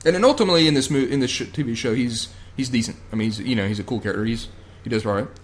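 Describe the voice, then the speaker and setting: A male podcast host talks through an episode recap in a relaxed, chatty way. His speech is loose and profane, padded with ums and uhs. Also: mid-range voice, racing. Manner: loose and profane, many fillers. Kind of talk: casual chat, recapping a TV episode.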